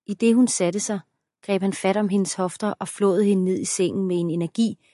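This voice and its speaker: A woman reading an erotic audiobook as narrator in a steady, even voice. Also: mid-range voice, no room sound, studio quality. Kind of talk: scripted narration.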